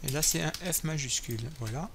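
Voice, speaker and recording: A man's voice: a little high, fairly quick, creaky, a bit bright, slight background noise. A man hosting a coding tutorial, thinking aloud while typing, with many fillers and self-corrections. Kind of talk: screen-recorded coding tutorial. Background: keyboard typing and clicks.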